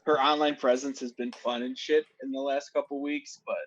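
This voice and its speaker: A man's voice: medium pitch, flat delivery, normal speed. A man co-hosting a podcast in casual chat, making dry wisecracks and swearing casually. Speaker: podcast co-host. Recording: dry dull lo-fi mic.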